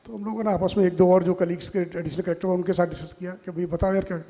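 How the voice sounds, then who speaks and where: Brief: middle-aged male panel speaker, Madhya Pradesh Hindi accent, high voice, anecdotal storyteller, hall reverb. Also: steady tone, fast talker, dark tone. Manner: anecdotal, quotes others in dialogue. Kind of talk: storytelling talk to an audience.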